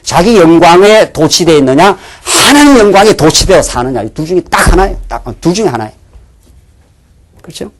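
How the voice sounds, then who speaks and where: Korean pastor preaching, lively pitch. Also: male voice, brisk. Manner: asks the congregation questions and answers them himself; drops to a hushed near-whisper for inner thoughts. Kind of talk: sermon. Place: church.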